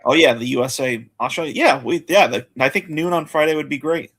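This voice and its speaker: A man's voice: fairly high pitch, brisk, fairly bright tone, slightly rough. A man hosting a live sports-betting show, chatting casually and rattling off match lists.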